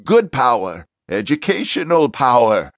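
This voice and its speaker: A man playing a slow, pitiful demon. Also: medium pitch, sing-song, no room sound, pitched above the performer's own voice. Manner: slow, labored, pleading speech. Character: cornered, pitiful male demon spirit. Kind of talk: audiobook character voice.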